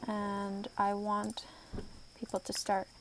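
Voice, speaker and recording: A woman's voice: medium pitch, monotone, takes it slowly, a little hiss or hum. A woman streaming a building game, chatting playfully and slipping into mock-dramatic outbursts. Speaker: vtuber streamer. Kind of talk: casual gameplay commentary.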